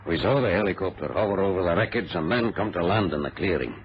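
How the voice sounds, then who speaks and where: A man speaks quickly in a low-pitched, expressive voice, playing a careful, conscientious adventurer recounting his exploit in a dramatic old-time radio play. His narration is grave, mixed with dialogue. The vintage radio audio is muffled, with a faint hiss.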